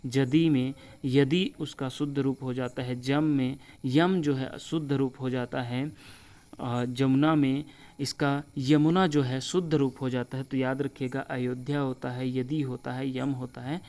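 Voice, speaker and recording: A man teaching a spelling lesson over slides, slowly spelling out letters and often reminding viewers to remember. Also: medium pitch, level tone, a little mellow. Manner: repeats the word for friends and reminds viewers to remember; slow deliberate spelling-out of letters. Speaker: Hindi teacher.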